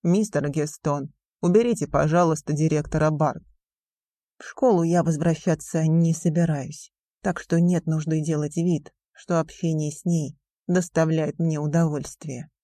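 A cold, scheming young man speaks with slow, sneering contempt, as a woman reader puts him on. The voice sits low and mellow, the dry recording close and plain. The storybook delivery drags each word out. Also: steady tone, no echo.

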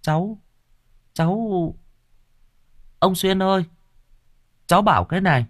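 A man voicing a frightened young village boy who stammers and pleads in a high voice in an audiobook. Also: unhurried, no echo, studio quality. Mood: nervous.

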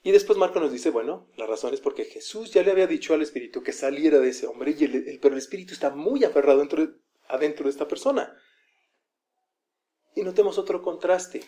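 A man with a mellow, dark voice delivers a sermon in an easy, conversational way. He pitches a little higher than most men and slips into quoted voices as he talks. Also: lively intonation, fast talker. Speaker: preacher.

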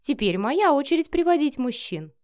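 A woman's voice: fairly high pitch, big pitch swings, a little slow, a little mellow. Woman voicing a sarcastic teasing young woman. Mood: taunting. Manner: sarcastic, playful taunting.

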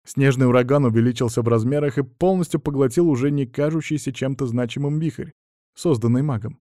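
A man narrating a first-person fantasy audiobook in a steady, even storytelling manner. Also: medium pitch, a little fast, no room sound, studio quality.

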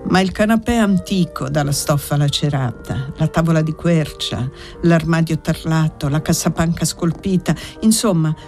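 A reader narrating a classic novel as an audiobook in a steady literary manner. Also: mid-range voice, moderate pace, faint music behind.

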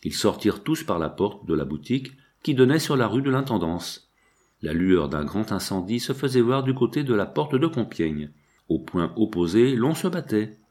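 A male narrator reads a classic novel aloud for an audiobook. His voice sits fairly low, and he tells the story at a steady, measured pace.

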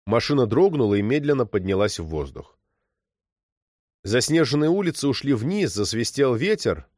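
A man reading a story aloud as narrator, expressive and storytelling. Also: mid-range voice, normal speed, no echo, studio quality. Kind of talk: audiobook reading.

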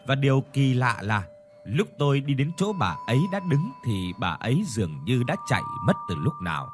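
A man reading a first-person ghost story aloud, in a slow, suspenseful way. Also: medium pitch, big pitch swings, soft background music. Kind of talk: scripted ghost story narration.

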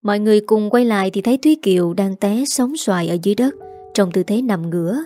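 A woman's voice: medium pitch, fast talker, warm tone, soft background music. A woman reading a serialized drama story aloud, voicing every character in her own voice. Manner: reads every character herself with small voice shifts.

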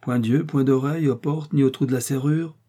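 Un colporteur rusé et costaud, joué par un homme dans un livre audio, à la voix insinuante puis brutale, un peu plus aiguë que celle du narrateur, au timbre sombre et voilé. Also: male voice, medium pitch, steady tone, fairly quick, dark tone, breathy edge, voice pushed up, natural voice. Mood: conspiratorial. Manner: wheedling, then bullying. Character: sly burly male peddler, insinuating then harsh.

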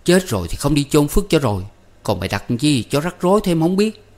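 A man voicing a gruff young village man who grumbles bluntly, with a Southern Vietnamese accent. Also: fairly high pitch, sing-song, brisk, a little mellow, voice pushed up. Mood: grumbling.

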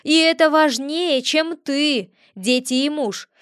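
A woman's voice: sits high, slow, fairly bright tone, no room sound, clean studio sound, pitched above the performer's own voice. A woman voicing a nosy, folksy male house spirit who lectures in a homespun way. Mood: lecturing.

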